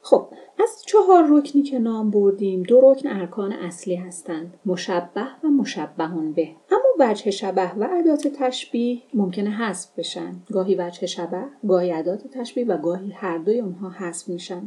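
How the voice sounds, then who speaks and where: Mellow-voiced woman teaching literature. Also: medium pitch, lively intonation. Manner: measured, slows down to recite verses and examples. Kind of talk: explanatory lesson.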